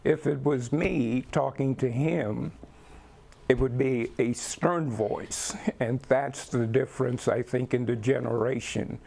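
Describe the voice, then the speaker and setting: Slow, gravelly older man from the Bahamas. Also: medium pitch, fairly even intonation, darkish tone. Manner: slow, thoughtful, with many pauses and fillers. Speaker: guest. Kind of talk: interview answers.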